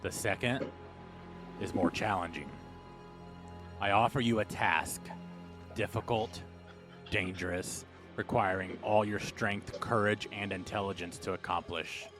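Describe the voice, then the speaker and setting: A game master voicing a booming otherworldly entity that speaks inside a character's mind, in slow, commanding pronouncements. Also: male voice, fairly even intonation, music in the background, close to an everyday voice. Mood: ominous. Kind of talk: tabletop game narration.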